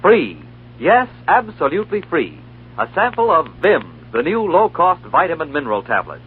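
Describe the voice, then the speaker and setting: A man's voice: fairly high pitch, wildly swooping pitch, moderate pace. A man announcing a commercial on an old radio show, with an emphatic salesman delivery. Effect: old radio show broadcast sound. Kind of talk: commercial pitch. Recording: tinny 1940s radio broadcast with hum.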